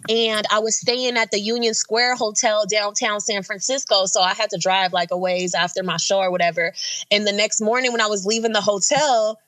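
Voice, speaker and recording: A woman rapper talking as a guest, telling animated stories in loose slang and swearing freely. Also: mid-range voice, fairly quick. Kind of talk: casual storytelling chat.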